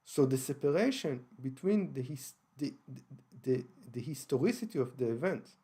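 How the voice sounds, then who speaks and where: Expressive and mid-range, with a dark, breathy-edged tone, the man talks at a moderate pace. He hosts his channel and, with an Israeli accent, works through his thoughts on religion off the cuff, hesitating and restarting often.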